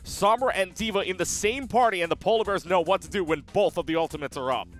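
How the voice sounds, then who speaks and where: A man hosting an esports highlights show, recapping matches with upbeat, quick delivery and playful asides. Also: soft background music. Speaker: host.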